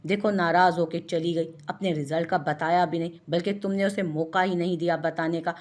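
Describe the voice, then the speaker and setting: A woman reading the lines of a gentle, calm young student who reproves others mildly. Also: on the low side, brisk, close to an everyday voice.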